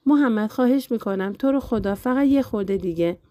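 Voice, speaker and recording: A woman's voice: fairly high pitch, warm tone, no room sound, close to an everyday voice. A woman voicing a sulky, pleading young wife in a novel reading, stubborn and coaxing.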